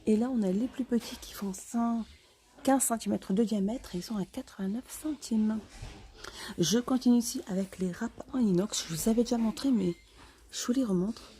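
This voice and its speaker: A woman's voice: fairly high pitch, moderate pace, dark tone. Muffled woman talking through a face mask. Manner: informal, hesitant item-by-item commentary. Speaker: shopping vlogger. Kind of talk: casual store-tour narration. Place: inside a discount store.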